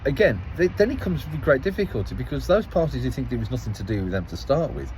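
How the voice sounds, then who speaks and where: A man's voice: mid-range voice, very animated, fast talker, a little mellow, slight background noise, poor audio. A man giving a casual spoken account as a local parish councillor, rambling and restarting phrases as he tells the story with some exasperation.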